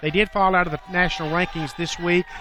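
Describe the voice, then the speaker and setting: A man's voice: sits high, fairly even intonation, fast. A man calling a college volleyball broadcast from courtside, upbeat and informative. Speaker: play-by-play broadcaster. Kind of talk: sports commentary. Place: courtside in a gym.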